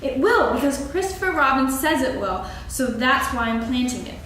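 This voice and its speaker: A woman's voice: high-pitched, lively intonation, moderate pace, a bit bright. A woman playing a small, timid, earnest piglet in a staged reading of a children's story, with a childlike manner. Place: stage, actors seated, live audience recording. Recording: echoey hall from far off, faint noise.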